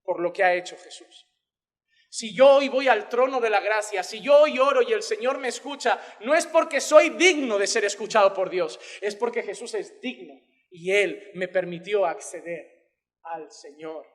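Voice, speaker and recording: A man's voice: high voice, moderate pace. A man preaching an emphatic, impassioned sermon. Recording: long hall reverb.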